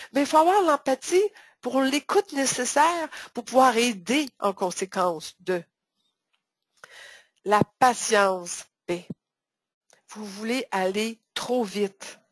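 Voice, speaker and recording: A woman with a Québécois accent leads a webinar for salespeople, leaning hard on key words and repeating them for emphasis. Her voice sits fairly high and has a breathy, husky edge. The sound is close and dry. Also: no room sound. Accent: Québécois French. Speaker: sales trainer hosting a webinar. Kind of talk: webinar presentation.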